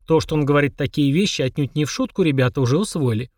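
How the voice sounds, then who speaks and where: A man narrating an audiobook in an even storytelling manner. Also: on the high side, fast, no echo, studio quality.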